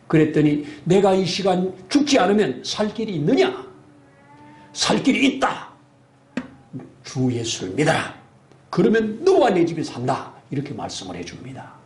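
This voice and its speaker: Male pastor, fairly high lively voice, preaching in an echoey church hall. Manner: animated preaching, acts out scripture voices. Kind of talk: sermon. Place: church sanctuary.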